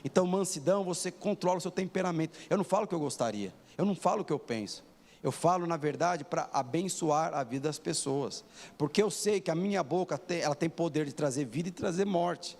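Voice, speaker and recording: A man's voice: a little high, brisk, a little mellow. A man in his forties preaching a sermon in a church, often asking the congregation rhetorical questions. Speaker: pastor. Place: church hall. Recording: long hall reverb.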